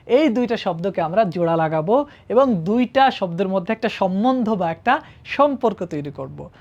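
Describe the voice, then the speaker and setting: A woman's voice: medium pitch, expressive, moderate pace, a little mellow. Patient woman teaching grammar, muffled sound. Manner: patient, asks the class questions and often checks with "ঠিক আছে?". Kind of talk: classroom lesson on a whiteboard.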